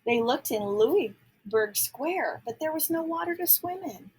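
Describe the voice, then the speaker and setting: A woman reading a children's storybook aloud expressively, pausing to add simple explanatory asides. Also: high-pitched, animated. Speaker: storybook reader.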